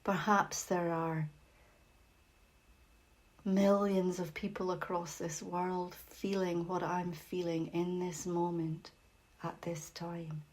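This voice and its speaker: This meditation leader is a woman whose fairly low voice shows little pitch movement. She speaks gently without rushing, pauses long, and her softness turns breathy as phrases finish.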